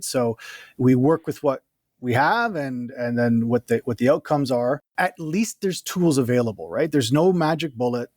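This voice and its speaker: Male communication coach guest, animated explainer, close dry sound, mid-pitched voice. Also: no echo. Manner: lively, explanatory, quick bursts and laughs. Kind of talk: casual interview talk.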